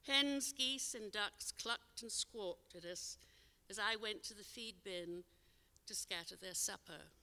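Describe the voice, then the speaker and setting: An older woman telling a personal memory in a measured, gentle storytelling manner, her phrase endings trailing off softly. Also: medium pitch. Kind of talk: told personal memoir on stage. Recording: long hall reverb.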